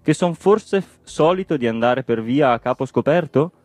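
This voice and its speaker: A man voicing a poor middle-aged villager who speaks calmly and plaintively. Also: medium pitch, normal speed, no echo, faint music behind, pitched above the performer's own voice, natural voice. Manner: calm, plaintive.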